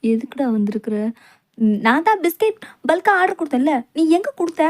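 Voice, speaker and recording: A woman's voice: sits high, sing-song, fairly quick. A woman voicing a brusque young man who talks in a curt, demanding way in a dubbed comedy drama.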